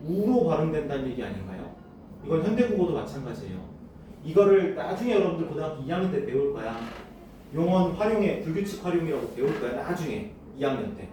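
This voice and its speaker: A man's voice: a little high, sing-song, fast, mellow, slight background noise. A man teaching a classroom lesson, often asking the students questions and then answering them himself. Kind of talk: classroom lecture. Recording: echoey room, voice from far off.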